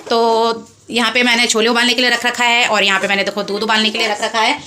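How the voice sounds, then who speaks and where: A woman's voice: on the high side, flat delivery, quick pace, sharp tone, slight background noise. A mother filming a casual home vlog indoors on a phone, chatting to her viewers and coaxing her children along. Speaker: vlogger, mother.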